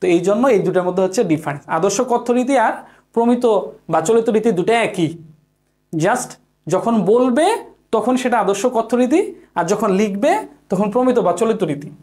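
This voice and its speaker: A man's voice: high voice, lively intonation, moderate pace, a little mellow. A man giving an online exam-prep lecture, who asks the class questions and answers them himself, repeating key points and mixing in English words. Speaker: teacher.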